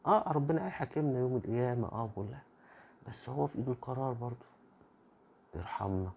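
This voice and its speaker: A man with an Egyptian accent gives an informal, earnest reflection on faith and tells stories that build to forceful emphasis. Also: medium pitch, lively intonation, fast, creaky, noisy background. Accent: Egyptian Arabic. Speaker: speaker sharing personal reflections.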